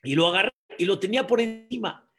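A man giving a sermon as a rabbi, repeating phrases, calling listeners dear brothers and sinking to a soft near-whisper for emphasis. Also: sits high, lively intonation, quick pace.

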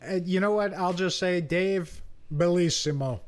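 A man's voice: sits high, fairly even intonation, moderate pace, clear, resonant tone. A man co-hosting a sports podcast, giving blunt opinions on the broadcasts and stumbling over repeated words when worked up. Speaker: podcast co-host. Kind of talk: casual sports chat.

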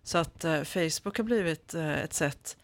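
A man speaking standard Swedish, answering interview questions as an author in a hesitant way, with many fillers and restarts. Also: on the high side. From Sweden. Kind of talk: conversational interview.

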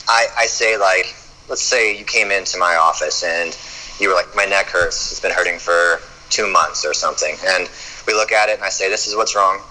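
Male chiropractor guest, low and very bright voice, casual and halting. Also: slight background noise, poor audio. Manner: halting, repeats words when starting a thought. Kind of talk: casual podcast chat.

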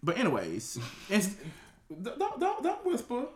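A man's voice: extremely high pitch, huge pitch swings, moderate pace. A man in his thirties from Memphis, co-hosting a podcast in blunt, sassy casual chat. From Memphis, USA. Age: 30s. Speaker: podcast co-host. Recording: echoey room.

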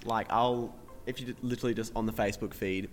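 A man's voice: on the low side, steady tone, brisk, faint music behind. An eighteen-year-old man, co-hosting a podcast in laid-back chat full of fillers and slang. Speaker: podcast co-host. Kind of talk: casual chat.

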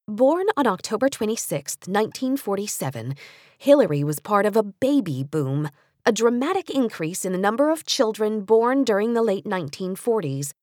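A medium-pitched American woman narrates a nonfiction audiobook for young readers, articulating each word carefully at a measured pace. Her delivery is expressive in a storytelling way, and the close studio recording has no echo.

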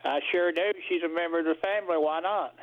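A man's voice: on the high side, fairly even intonation, fast talker. Man calling in on a muffled phone. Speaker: radio show caller. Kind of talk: casual phone chat.

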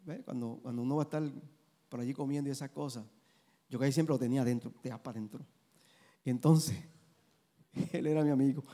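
A male pastor preaching a sermon, building to fervent, loud passages. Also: medium pitch, fairly even intonation, fast, long pauses.

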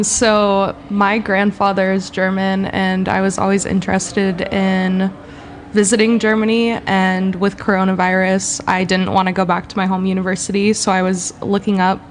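A woman's voice: mid-range voice, moderate pace, a little hiss or hum. A woman, hosting a student radio talk show in a casual, chatty way in a studio. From Southern California. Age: 20s. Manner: relaxed, chatty, says "like" often.

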